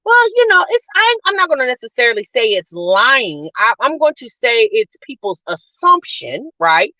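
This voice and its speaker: A woman's voice: a little high, sing-song, moderate pace, bright, forceful tone, dry recording. A middle-aged woman hosting a casual commentary channel, talking in a chatty, sassy way and calling her listeners y'all, sis and honey. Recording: dull, lo-fi dry recording.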